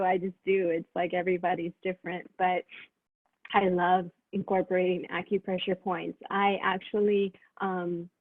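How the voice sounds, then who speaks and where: A woman's voice: medium pitch, no room sound. Brief: woman, 50s, massage therapist, earnest and rambling, dry tinny video-call sound. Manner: earnest, rambling with many restarts and fillers. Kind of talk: casual sharing with a wellness group.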